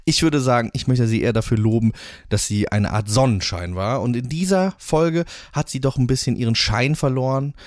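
A man co-hosting a podcast in casual chat, rambling and getting animated when he quotes people. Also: mid-range voice, fairly quick, no echo, studio quality. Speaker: podcast co-host.

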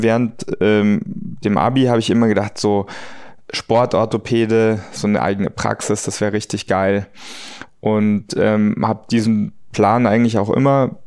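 Low-voiced man in his thirties. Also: clear, resonant tone, no room sound, clean studio sound. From United States. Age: 30s. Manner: relaxed, easygoing, thinks aloud with fillers. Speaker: podcast co-host, trauma surgeon. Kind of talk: casual podcast conversation.

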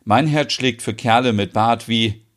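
A man's voice: mid-range voice, measured pace, close to an everyday voice. A man playing a grumbly, teasing man in his thirties in an audio soap. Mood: chatty. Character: 32-year-old man, grumbly, teasing, fond of bearded men.

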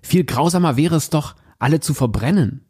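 A man's voice: a little high, lively intonation, moderate pace, darkish tone, husky, voice pushed up. A man reading aloud the lines of an upset young woman who pleads and insists with her fiancé. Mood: pleading.

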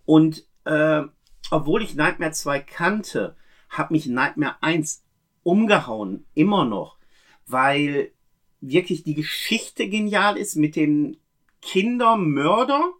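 A man's voice: fairly high pitch, lively intonation, takes it slowly. Earnest man sharing film trivia. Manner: earnest, detail-loving, explains trivia. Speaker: podcast co-host. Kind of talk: casual chat about films.

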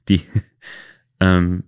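Deep, darkish, clear and resonant, the voice belongs to an Austrian podcast host. He chats casually and shares anecdotes, hesitating, speaking colloquially, and often correcting himself.

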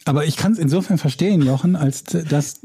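A man in a casual podcast chat, making dry, deadpan remarks. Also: on the high side, a little fast, breathy edge. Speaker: podcast co-host.

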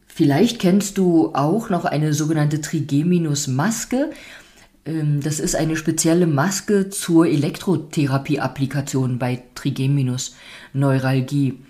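A woman physiotherapist and coach talking on her health podcast in a calm, explanatory, conversational way, and reading a tale aloud. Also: low-pitched, measured pace.

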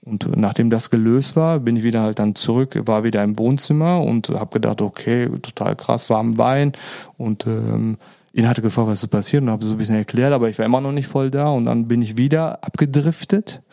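A man's voice: medium pitch, a little fast, vocal fry, dark tone, no room sound, studio quality. A man tells a personal story as a podcast guest, informal, with many fillers and acted-out quoted dialogue.

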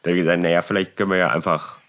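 A man tells a story in relaxed conversation. He sounds exasperated and animated, stumbles over restarts and keeps tagging his sentences with quick checks. His delivery is casual and chatty. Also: low voice.

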